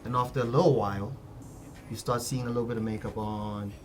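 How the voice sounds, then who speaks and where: A man's voice: lowish voice, steady tone, fairly quick, noisy background. A man hosting a casual panel, asking long questions full of repeated restarts. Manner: stammering restarts, probing questions. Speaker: host.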